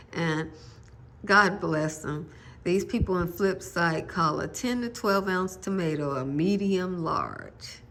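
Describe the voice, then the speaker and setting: A woman's voice: sits low, fairly bright tone. An older woman chatting casually about her garden seeds in a folksy way, with religious asides. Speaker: gardening vlogger. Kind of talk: casual chat.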